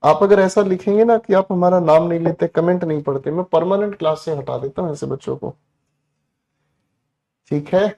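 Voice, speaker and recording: A male English teacher giving an online class, repeating points and checking often with his students, his delivery swinging between loud emphasis and soft low lines. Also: moderate pace, muffled recording. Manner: repetitive, addresses students directly, asks check questions.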